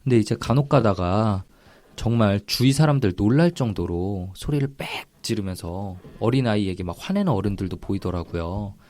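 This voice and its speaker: A man's voice: on the low side, moderate pace, dry recording. A man co-hosting a podcast, telling chatty anecdotes in casual talk. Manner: chatty storyteller, lively anecdotes. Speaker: podcast co-host.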